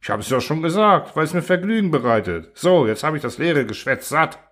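A man voicing a sly, gleeful male robot constructor who mocks and coaxes in a raised, lively voice. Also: fairly high pitch, fairly quick, pitched above the performer's own voice. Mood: gloating. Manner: mocking, cheerful cruelty.

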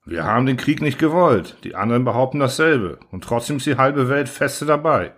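A man's voice: mid-range voice, expressive, brisk, a bit bright. A man reading the lines of a thoughtful young soldier who asks probing, earnest questions.

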